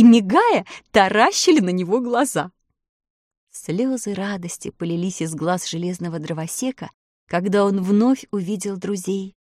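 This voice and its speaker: A woman's voice: mid-range voice, no echo, clean studio sound. Woman reading a fairy tale with lilt. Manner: expressive, lilting storytelling with slowed emphasis. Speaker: narrator. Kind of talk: storybook reading.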